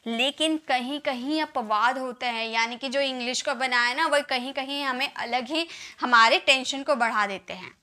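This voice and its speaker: A woman with a high, bright voice teaches English spelling. She spells each word out letter by letter and repeats it, speaking directly to her viewers. Her tone is clear and sharp, and she keeps checking that they have followed. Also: moderate pace. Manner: spells words letter by letter and repeats them, with frequent check-ins. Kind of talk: classroom-style spelling lesson.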